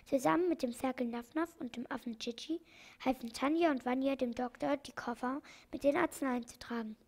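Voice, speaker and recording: High-voiced woman reading a children's book. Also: fairly quick. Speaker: audiobook reader. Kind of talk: children's audiobook narration.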